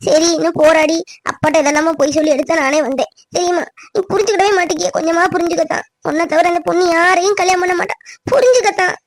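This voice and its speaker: A woman's voice: extremely high pitch, quick pace, no room sound. A woman voicing a young village woman who pleads tearfully with her cousin. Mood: pleading tearfully. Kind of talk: cartoon drama.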